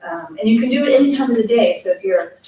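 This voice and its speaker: A woman's voice: on the high side, animated, fast talker. A woman with a Maine accent leading a casual exercise class in an easygoing, chatty, encouraging way. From Maine, USA. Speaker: morning workout instructor. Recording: very echoey, distant mic, faint noise.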